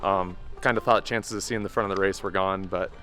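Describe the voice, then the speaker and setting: A man's voice: low-pitched, fairly even intonation, a little fast, pushed and bright, soft background music. A man giving a casual, self-deprecating recap of a bike race outdoors, a bit out of breath, with lots of fillers. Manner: laid-back, self-deprecating, many fillers. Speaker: pro mountain bike racer, vlog host.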